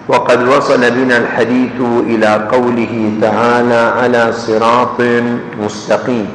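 A man delivering a Quranic exegesis lecture, measured and explanatory, restating his points. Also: medium pitch, slight background noise. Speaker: religious lecturer. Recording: echoey hall with faint ambience.

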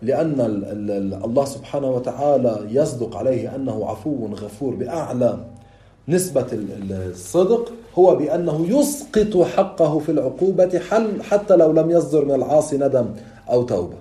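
A man teaching a lesson, explaining a classical text step by step, repeating his points and pausing on drawn-out fillers. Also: mid-range voice, expressive, warm tone, echoey room. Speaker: teacher of theology.

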